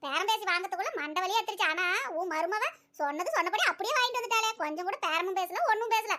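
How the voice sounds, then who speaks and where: A woman's voice: very high voice, fast, sharp tone. A woman voicing a nosy, greedy older neighbor who gossips and wails. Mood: gossiping. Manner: wailing and complaining. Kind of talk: cartoon voice acting.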